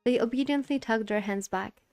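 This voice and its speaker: A woman reading a game's story text aloud, with occasional asides, over soft music. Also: a little high, normal speed. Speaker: reader of a visual novel.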